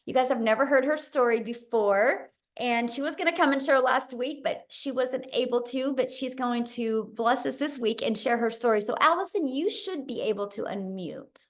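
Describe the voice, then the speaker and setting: A woman's voice: a little high, moderate pace, few pauses. A woman hosting a live webinar over a video call, upbeat and talking straight to her audience. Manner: upbeat, addresses the audience directly. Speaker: webinar host.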